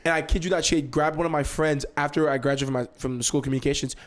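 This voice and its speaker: A man's voice: a little high, very fast. A young man from Nigeria hosting a podcast, telling a story in casual chat and acting out quotes with bursts of laughter. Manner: animated, acts out quotes with laughter. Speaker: podcast host.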